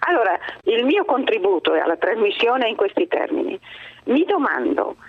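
A middle-aged woman heard over a muffled phone line, her high voice swinging wildly in pitch as she rants. She sounds breathy and husky, swearing and shouting back at the hosts like an angry call-in listener. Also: very animated, moderate pace. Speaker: caller. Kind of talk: call-in radio rant.

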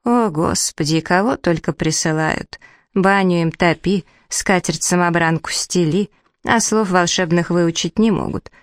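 A creaky, grouchy fairy-tale hut on chicken legs lectures and grumbles like a strict teacher, as a woman reader puts it on. The voice sits low, recorded close and dry. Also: a little slow, no room sound, close to an everyday voice. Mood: grumbling. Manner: nagging and preachy. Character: grumpy magic hut on chicken legs, teacherly, good-natured underneath.

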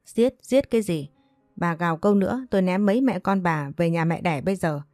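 A woman voicing an angry older village father who shouts and scolds harshly. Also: on the low side, fairly quick, dry recording, studio quality, faint music behind, lightly acted. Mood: furious.

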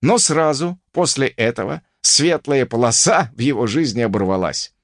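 A man narrating a first-person fantasy audiobook, brisk and vivid. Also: medium pitch, lively intonation, no echo, studio quality.

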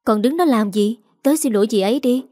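A woman voicing a brisk young woman who scolds and nudges her brother. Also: a little high, warm tone, no room sound, studio quality, close to an everyday voice. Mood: scolding.

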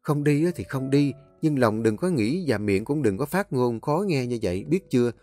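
A man's voice: high voice, animated, brisk, soft background music, pitched above the performer's own voice. A man voicing a worried, pleading middle-aged mother. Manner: pleading, anxious.

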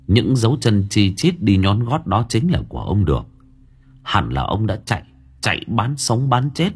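Husky, hugely expressive male storyteller. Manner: dramatic, swinging between hushed low lines and raised ones. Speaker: audiobook narrator. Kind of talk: storytelling narration of a spooky village tale.

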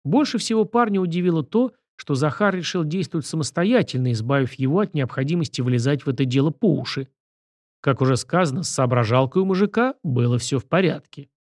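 A man narrating an audiobook in an even storytelling manner. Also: a little high, brisk, dry recording, studio quality. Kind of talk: scripted narration.

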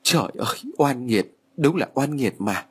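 A man's voice: mid-range voice, animated, normal speed, fairly bright tone, slightly rough. A male narrator voicing a grieving old grandmother who laments her grandson. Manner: wailing, lamenting.

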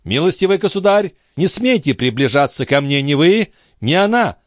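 A man's voice: mid-range voice, very animated, moderate pace, dry recording, pitched above the performer's own voice, lightly acted. Guy reading a book as a scared proud princess, urgent, dry close mic. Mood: alarmed. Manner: exclaiming, urgent. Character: agitated noble princess, proud and frightened. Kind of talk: audiobook reading.

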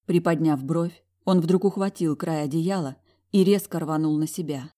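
A woman narrating a first-person audiobook in an emotional, expressive reading. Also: low-pitched, moderate pace.

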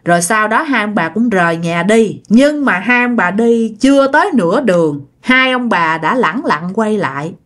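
A woman's voice: mid-range voice, animated, normal speed, hardly any pauses, a bit bright. A woman telling a ghost story in a chatty, casual way, speaking straight to her listeners. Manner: chatty, addresses listeners directly.

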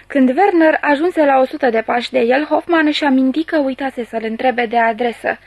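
A woman narrating a classic novel as an audiobook, in a steady, measured reading. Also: high-pitched, dry recording.

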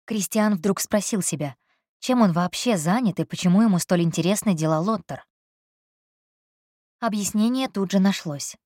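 A woman narrating an audiobook in a steady, measured reading voice. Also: mid-range voice, no echo, clean studio sound. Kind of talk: scripted narration.

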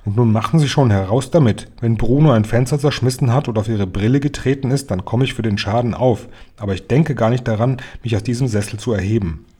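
A blustering middle-aged hotel guest who bellows and grumbles at everyone, as a man reading a storybook puts him on. The voice sits dark and a little husky. He is irritable and pushy in every sentence. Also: medium pitch, quick pace, hardly any pauses, lightly acted.

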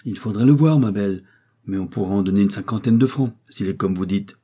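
A man voicing a shrewd, greedy old female secondhand-clothes dealer in an audiobook reading, haggling and quick to take offense. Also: fairly low pitch, dark tone, slightly rough.

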